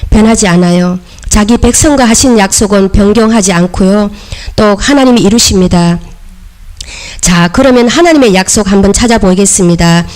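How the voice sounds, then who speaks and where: A woman's voice: medium pitch, moderate pace, a little mellow. A middle-aged woman pastor giving a sermon lecture, emphatic and repetitive, coaxing her listeners.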